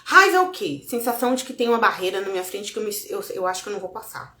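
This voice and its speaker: A woman's voice: mid-range voice, very fast, echoey room. A Brazilian woman giving a casual motivational talk, speaking expressively and acting out her inner dialogue. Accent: Brazilian Portuguese. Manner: expressive, acts out inner dialogue, addresses viewers as gente. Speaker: self-development speaker.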